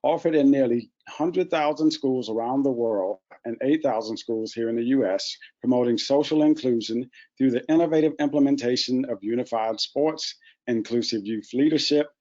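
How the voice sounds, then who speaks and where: A man's voice: mid-range voice, moderate pace, a little mellow. Man, webinar host, scripted formal introductions, muffled lo-fi audio.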